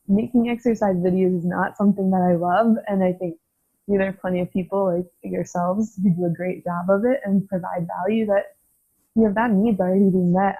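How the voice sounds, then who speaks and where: A woman in her twenties, a physical therapy student and podcast guest, talking frankly and thoughtfully in casual conversation, laughing easily. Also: fairly low pitch. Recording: tinny phone-like line.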